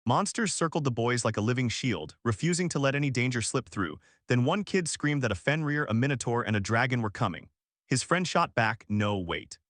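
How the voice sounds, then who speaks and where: A man's voice: medium pitch, animated, brisk, fairly bright tone, no room sound, clean studio sound. A man narrating a story recap in a dramatic, punchy scripted read.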